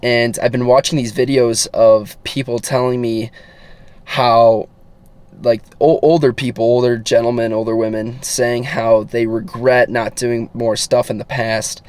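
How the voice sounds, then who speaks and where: A man's voice: medium pitch, flat delivery, unhurried, a little mellow, clean tone, no room sound. A teenage boy turning eighteen, talking casually and earnestly to his viewers, rambling with many fillers and restarts. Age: teens. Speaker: fitness vlogger. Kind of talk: casual talk to camera.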